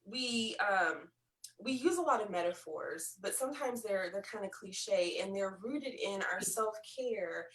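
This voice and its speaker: A woman speaking as a guest in a casual panel chat, telling stories with lively acted-out quotes. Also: medium pitch, measured pace, far from the mic. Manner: animated storyteller, acts out quoted voices. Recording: roomy, from off the mic.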